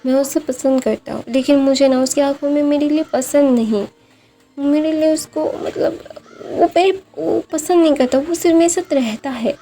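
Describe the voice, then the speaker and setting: A woman's voice: fairly high pitch, fairly even intonation, moderate pace, hardly any pauses, a little mellow, soft background music, natural voice. A woman voicing a tearful young man in love.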